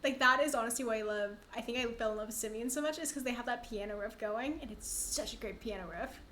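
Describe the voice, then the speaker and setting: A woman's voice: on the high side, fast talker, fairly bright tone, a little hiss or hum. A young woman from Canada giving casual, rambling live commentary on her video game speedrun, chatty and self-deprecating. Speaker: speedrunner streamer. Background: faint game music.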